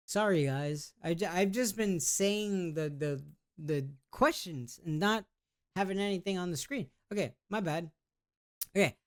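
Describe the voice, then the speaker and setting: In a laid-back vlog, a male YouTuber with a high, slightly mellow voice reads test questions and answers them. He uses casual slang and rambles hesitantly, restarting a lot and letting thoughts trail off.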